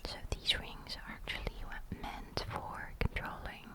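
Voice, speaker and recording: A woman whispering through an ASMR show-and-tell of a camera, hesitant and often searching for the right word. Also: a little slow. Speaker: ASMR host.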